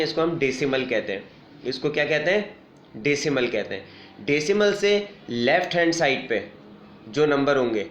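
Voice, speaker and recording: Brief: male math teacher, slightly high voice, repeats himself to drill points, echoey dull recording. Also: a bit bright, slight background noise. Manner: repeats key points and asks rhetorical check questions. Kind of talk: classroom math lesson.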